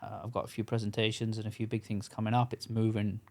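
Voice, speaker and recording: On a podcast, a middle-aged Scot who coaches construction workers talks casually in an interview, frank and earnest, with plenty of fillers and restarts. His voice is lowish and darkish, fast, with little movement in pitch.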